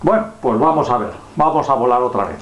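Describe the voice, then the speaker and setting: A man playing a friendly flying superhero in a children's story, gently reassuring a child in simple words. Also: mid-range voice, expressive, a little fast, lightly acted. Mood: encouraging. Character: friendly flying male superhero helping a lost little girl. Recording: dull, echoey home room recording.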